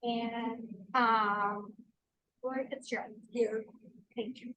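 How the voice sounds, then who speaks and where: Clerk, woman, bright and sharp voice, slow hesitant roll call. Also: on the high side, steady tone, low-quality recording. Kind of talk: roll call at a town board meeting.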